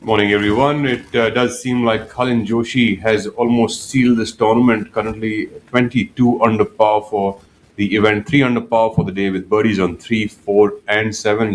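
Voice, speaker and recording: A man working as a golf analyst in a broadcast studio, speaking in a steady, matter-of-fact way and focusing on scores. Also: fairly low pitch, slight background noise, low-quality recording. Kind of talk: sports analysis commentary.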